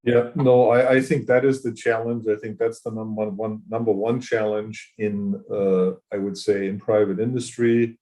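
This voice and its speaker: A man speaking as a panelist in an online panel discussion, measured and a little hesitant. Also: lowish voice, level tone, mellow, low-quality recording. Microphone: video call.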